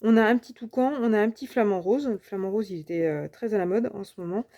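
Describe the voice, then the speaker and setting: A woman hosting a crafting channel, chatting casually through a product review and often pausing to search for her words. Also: mid-range voice, warm tone.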